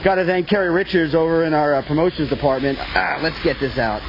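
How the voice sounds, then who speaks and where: A man's voice: fairly high pitch, fast, vocal fry. A man with a Baltimore accent doing a live outdoor weather report, upbeat and folksy, talking to viewers as folks. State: out of breath. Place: outdoors on a city street in snow. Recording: dull broadcast audio with faint noise.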